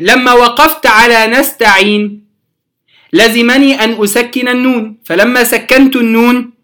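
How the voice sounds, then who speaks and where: A man with an Egyptian accent teaching a beginners' tajweed lesson, explaining rules with everyday examples and slowing down to recite verses. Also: extremely high pitch, bright, forceful tone.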